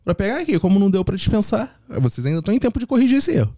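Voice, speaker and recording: Mellow-voiced Rio man, mock-dramatic. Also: high voice, very animated, rapid-fire, dry recording, studio quality. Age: adult with a school-age son. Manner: mock-dramatic, rambling complaints. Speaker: podcast co-host. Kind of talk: casual podcast banter. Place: small podcast studio.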